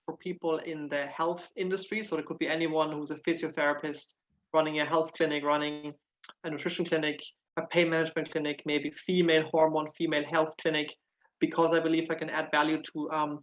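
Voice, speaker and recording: A German nutritional therapist with some Irish in his accent speaks as a casual interview guest, his voice on the high side and a bit bright. He talks a little fast with little pitch movement, earnestly repeating words while he searches for them. The sound is lo-fi.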